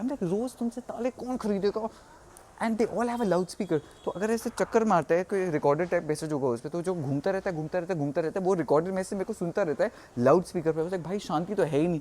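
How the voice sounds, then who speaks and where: A young man talking casually in a vlog, animated, mixing Hindi and English and acting out quotes. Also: a little high. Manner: animated, mixes Hindi and English, exaggerated quoting. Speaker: vlogger.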